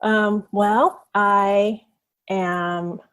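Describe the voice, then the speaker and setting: A woman, raised in the United States, giving an informal webinar talk as a professor, thoughtful and often pausing with ums and small self-corrections. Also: mid-range voice, steady tone, fairly bright tone, clear, resonant tone. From Taiwan, raised in the United States. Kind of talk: informal online presentation.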